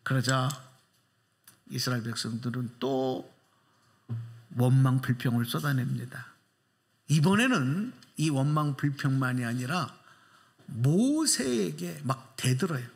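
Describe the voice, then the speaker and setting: Animated yet a little slow, this preacher speaks with vocal fry and long pauses as he delivers an emphatic church sermon. Wide pitch swings and rhetorical questions keep the pressure on his congregation.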